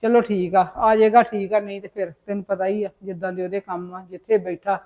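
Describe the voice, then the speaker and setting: A woman's voice: medium pitch, little pitch movement, brisk, warm tone, highs cut off, lightly acted. A middle-aged woman playing a mother in a family drama, who nags and frets as she talks. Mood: fretful. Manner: fretful, scolding, bossy. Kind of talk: acted family drama dialogue.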